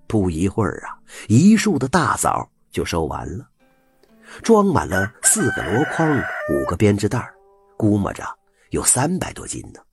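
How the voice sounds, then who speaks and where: A man telling a folk tale with an animated, expressive delivery. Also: fairly low pitch, normal speed, over music. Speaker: storyteller.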